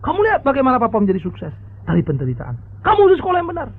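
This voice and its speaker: A man voicing an angry father who scolds his spoiled son and shouts at him, from a lo-fi sermon recording. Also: extremely high pitch, huge pitch swings, very fast, husky, pitched above the performer's own voice, heavily acted. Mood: scolding. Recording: narrow phone-like lo-fi audio.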